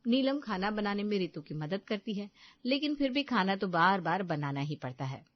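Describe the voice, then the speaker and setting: A woman's voice: medium pitch, very animated, normal speed, dry recording, highs cut off. Woman narrating a cartoon story.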